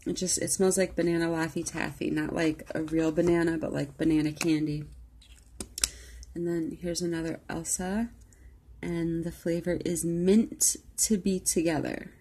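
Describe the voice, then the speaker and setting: Low gravelly-voiced woman chatting. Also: level tone, moderate pace, warm tone, a little hiss or hum. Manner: chatty, rambling, lots of "um" and "like". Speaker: beauty vlogger. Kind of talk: casual product haul review.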